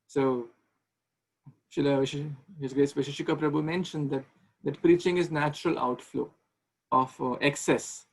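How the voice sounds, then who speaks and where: A man in his thirties leads an online devotional class from a small room over a webcam. His voice sits a little high with a gravelly edge, and he talks conversationally, restarting words and posing questions. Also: steady tone, normal speed, rough recording. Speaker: speaker giving a class. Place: small room indoors with ceiling fan. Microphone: video call webcam.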